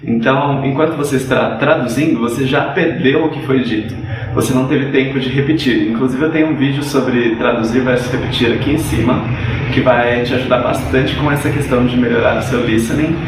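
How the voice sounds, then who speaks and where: A man's voice: mid-range voice, a little fast, far from the mic, background noise. Man teaching in an echoey room. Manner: direct, repeats examples to drive points home. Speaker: English teacher. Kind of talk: explanatory video lesson.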